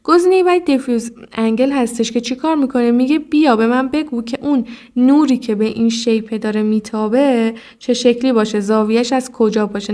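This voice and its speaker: Female tutor, slightly high voice, casual step-by-step screen tutorial, talks straight to the viewer. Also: mellow. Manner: explanatory, addresses viewer directly, frequent "look". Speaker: video editing tutor.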